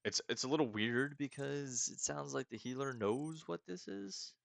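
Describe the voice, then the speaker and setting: A young man hosting a let's-play offers casual commentary on a roleplaying game, musing aloud and cracking jokes at his own errors. His medium-pitched voice is animated, with vocal fry, at a normal speed, in a dry recording.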